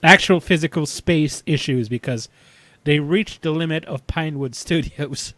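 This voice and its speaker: A man co-hosting a casual fan podcast, talking in a halting way with many fillers and restarts. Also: on the high side, a bit bright, no echo. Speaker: podcast co-host. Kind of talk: casual chat.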